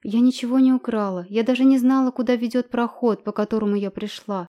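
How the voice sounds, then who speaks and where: A woman's voice: a little high, steady tone, brisk, dark tone, pitched above the performer's own voice, lightly acted. A woman narrator voicing a young runaway princess, pleading and frightened, in an audiobook. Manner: pleading, breathless.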